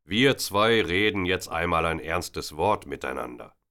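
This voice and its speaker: A man's voice: low-pitched, expressive, unhurried, pushed and bright, heavily acted. A man voicing an authoritative male police officer. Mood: commanding. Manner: authoritative, then concerned.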